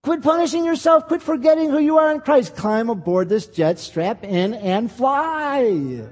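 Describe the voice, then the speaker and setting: A man's voice: extremely high pitch, animated, measured pace, pitched above the performer's own voice, heavily acted. A man voicing God's still small inner voice, firmly urging a doubting preacher to stop whining and trust. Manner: rising, urgent exhortation. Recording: long hall reverb.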